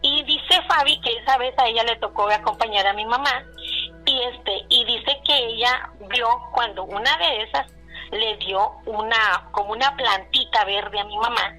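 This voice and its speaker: A woman's voice: fairly high pitch, moderate pace, pushed and bright, faint music behind, rough recording. A woman recounting a personal family story in casual speech, rambling, with many restarts and fillers, retelling what people said. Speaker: caller telling a personal story.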